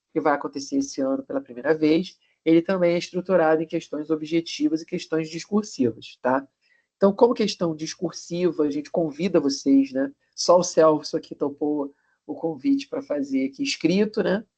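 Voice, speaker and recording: Laid-back Brazilian man teaching on a video call. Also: a little high. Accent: Brazilian Portuguese. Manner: relaxed, full of "né?" and restarts. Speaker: college lecturer. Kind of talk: live online class. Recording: muffled lo-fi video call audio.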